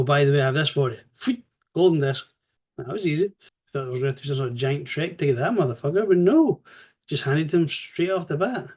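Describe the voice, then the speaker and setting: A man's voice: a little high, a little mellow. A man hosting a show, giving a casual, rambling spoken review with a chatty, sometimes crude manner and frequent self-corrections. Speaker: host reviewing an animated series.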